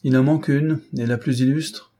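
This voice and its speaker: A man reading the lines of a self-assured male gentleman thief from an audiobook, speaking in a commanding, wry and boastful way. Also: medium pitch, steady tone, moderate pace, voice pushed up, lightly acted.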